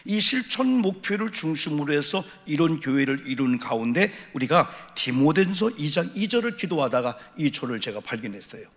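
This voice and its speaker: A middle-aged male pastor delivers an evening sermon in a church sanctuary, his somewhat high voice roughened by a gravelly edge. He drives his points home with repeated refrains and rhetorical questions, and the sound carries a long echo of the church hall. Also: very animated, normal speed, few pauses. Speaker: senior pastor. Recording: echoey church hall reverb.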